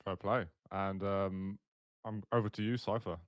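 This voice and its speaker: A man's voice: deep voice, fairly even intonation, unhurried, clean tone, no room sound. A man in his thirties hosting a podcast interview, friendly and steering the talk with questions. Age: 30s. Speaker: podcast host.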